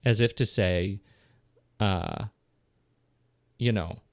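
Speaking extremely slowly in a fairly low voice, a middle-aged podcast co-host discusses a film casually, rambling and interrupting himself. The recording is dry.

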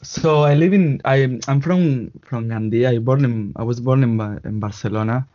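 A man's voice: medium pitch, dark tone. A man from Spain with a Spanish accent, a native Catalan speaker, chatting casually as a guest and often restarting his sentences. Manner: halting, restarts often, tag questions. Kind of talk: casual interview chat. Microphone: video call. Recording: muffled lo-fi call audio.

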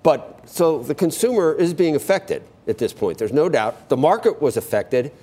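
A man's voice: a little high, lively intonation, moderate pace, dark tone, slightly rough. A middle-aged or older American man co-anchoring financial news, chatting off the cuff about markets, digressing and restarting his phrases. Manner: rambling, digressive, repeats and breaks off phrases. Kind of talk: unscripted market chat and commentary.

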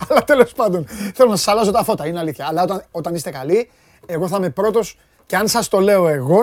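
A man hosting a casual sports talk show, rambling in an animated way and laughing often. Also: high voice.

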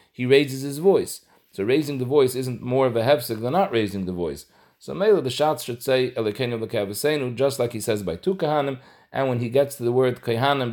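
A man's voice: medium pitch, darkish tone. A man giving a halacha lesson, explaining steadily and mixing Hebrew and Yiddish terms into his English. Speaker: Torah teacher.

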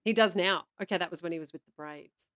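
Her voice is on the low side and a bit bright, and she talks fast. As co-host of a casual podcast, this woman reads out stories, sprinkling in laughter and playful asides.

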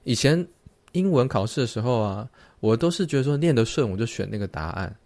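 A young man co-hosts a relaxed chat, his pitch rising and falling widely as he tells stories. He slips into voices for the people he quotes and laughs often, at a middle pitch. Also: brisk. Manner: animated storytelling, acts out quoted teachers, laughs often. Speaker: podcast co-host. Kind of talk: casual chat.

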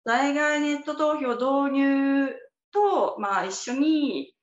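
A woman guest explaining her campaign in a casual interview, measured and full of fillers. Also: high-pitched. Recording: roomy, dull remote call audio.

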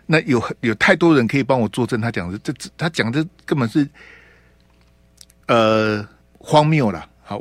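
A man from Taiwan hosts a political talk show on the radio, chatty and peppering his talk with tag particles. His pitch sits in the middle range. The studio sound is close and dry. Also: no room sound. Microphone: studio mic.

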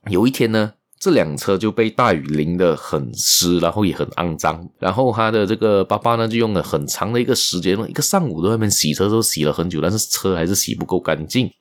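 A man telling a moral story in a casual, unhurried way, often repeating words and trailing off with particles. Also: low-pitched, lively intonation.

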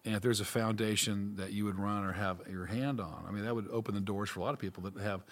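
A man hosts a conversational interview in a fairly low voice. He speaks casually and haltingly, often repeating the start of a word or phrase. His manner toward the guest is affirming. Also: steady tone. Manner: halting, repeats and stammers over words, affirming. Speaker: interview host.

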